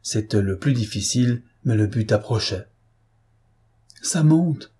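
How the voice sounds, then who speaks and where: A man reading a novel aloud as an audiobook narrator, in a measured, dramatic manner. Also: fairly low pitch, fairly even intonation, darkish tone, husky. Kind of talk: scripted narration.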